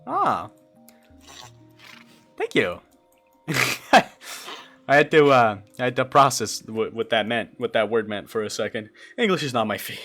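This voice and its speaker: A young Brazilian man whose first language is Portuguese speaks in a medium-pitched, slightly bright voice. He's streaming, casually chatting while building a game creature and thinking aloud as he answers viewers, often stammering and restarting.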